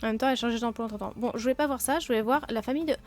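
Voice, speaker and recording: A woman's voice: on the high side, very fast, faint music behind. A woman hosting a game let's play, talking casually and self-mockingly with many fillers, sick with a blocked nose and sore throat.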